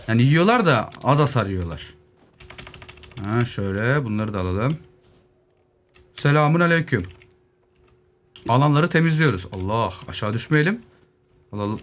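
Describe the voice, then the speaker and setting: A young man from Turkey giving casual solo gameplay commentary, joking with zombies and muttering as he loots. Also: mid-range voice. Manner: lively, joking asides to zombies, muttering while looting. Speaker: gaming YouTuber. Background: keyboard clicks, faint noise.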